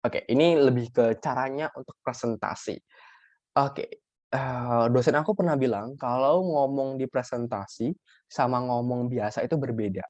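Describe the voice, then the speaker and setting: A man's voice: mid-range voice, normal speed, darkish tone, no echo. A man giving a workshop lesson in a casual, chatty way, with many fillers and restarts as he addresses his listeners as friends. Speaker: workshop tutor. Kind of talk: casual teaching talk. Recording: dull lo-fi dry audio.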